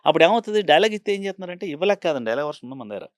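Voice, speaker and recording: A man's voice: fairly high pitch, big pitch swings, rapid-fire, no room sound, clean studio sound. A middle-aged man, a film art director, telling set stories in an interview and acting out the lines he quotes. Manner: acts out quoted dialogue, slips into Tamil impressions. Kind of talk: animated storytelling interview. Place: Telugu film channel interview.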